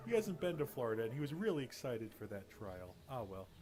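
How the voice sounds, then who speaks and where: A man playing a tabletop game, joking in casual, animated banter. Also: medium pitch. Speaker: player.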